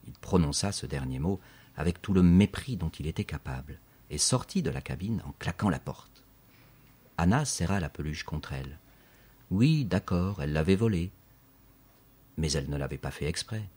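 A man reads a children's story aloud with steady, expressive narration. His voice is very deep and carries a husky, breathy grain. He paces the scenes like a seasoned audiobook reader. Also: brisk.

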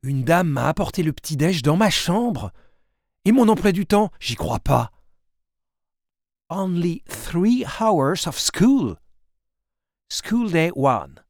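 A man narrating a storybook in a diary voice, with wry, quick asides between slowly read lines. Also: a little high, big pitch swings, a little mellow, no echo, studio quality.

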